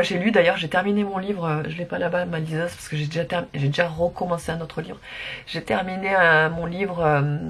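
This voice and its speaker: A woman's voice: lowish voice, fairly bright tone, slightly rough. A woman with a sore, congested throat, chatting casually to her vlog viewers. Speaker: vlogger.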